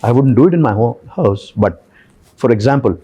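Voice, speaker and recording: A man's voice: medium pitch, lively intonation, moderate pace, dark tone, husky. A man from India with an Indian accent, speaking as a podcast panellist who asks and answers his own questions.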